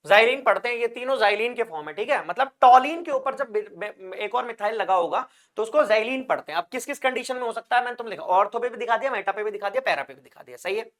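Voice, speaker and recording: Quick and expressive, a male chemistry teacher with a very high-pitched, fairly bright voice preps students for exams. He asks questions, answers them himself, refers to students as brother and child, and builds jokey wordplay memory tricks.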